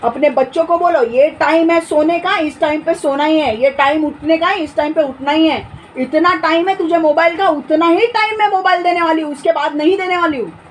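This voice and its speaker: A woman's voice: extremely high pitch, brisk, slight background noise, poor audio. A woman preaching a sermon with emphasis, asking rhetorical questions and scolding her listeners.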